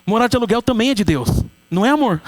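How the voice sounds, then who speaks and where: A man in his thirties from Brazil, a pastor delivering a lively sermon to his church and acting out quoted voices. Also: high-pitched, fairly quick. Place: church sanctuary.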